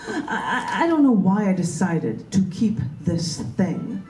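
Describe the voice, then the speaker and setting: There's faint music behind a woman poet reading her work and chatting casually at an indoor open mic in a large bookstore. Her medium-pitched voice is mellow and sing-song at a measured pace, heard through a distant microphone in an echoey room.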